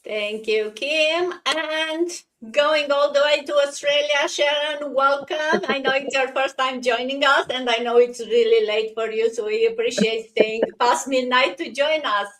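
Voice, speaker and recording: A woman's voice: high voice, steady tone, a little slow, fairly bright tone, recorded from a distance, low-quality recording. A woman from Romania, hosting a live stream in a chatty, welcoming way. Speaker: host.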